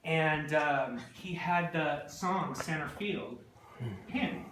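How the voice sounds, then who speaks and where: A man's voice: a little high, drawn-out words. A man in his forties telling a rambling, digressive comic story with many asides to a live audience. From British Columbia, Canada. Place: hall before an audience. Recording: echoey hall, distant mic, loud noise.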